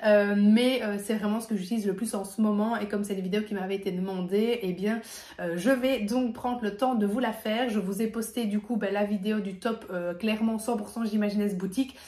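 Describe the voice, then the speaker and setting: A woman's voice: medium pitch, steady tone, brisk, mellow. Chatty woman in an echoey room. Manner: chatty, many fillers, laughs easily. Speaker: speech therapist presenting her materials. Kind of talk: casual video presentation.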